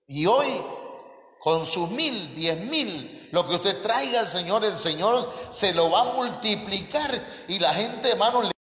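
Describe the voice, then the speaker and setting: A man's voice: high-pitched, animated, takes it slowly, sharp tone. Man, Mexican Spanish accent, preaching, echoey church room, long ringing reverb. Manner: addresses listeners as brothers, many rhetorical questions. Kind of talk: sermon.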